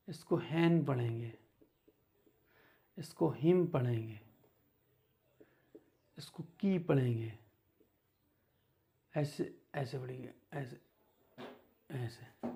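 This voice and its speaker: A man teaching beginners English words, slowly and patiently repeating each word. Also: medium pitch, gravelly, warm tone.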